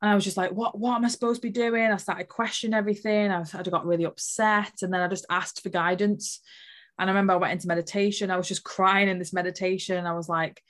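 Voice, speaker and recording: A woman's voice: on the low side, fairly even intonation, fast talker, a bit bright. A woman earnestly telling a personal spiritual story as an interview guest, emotional and full of fillers.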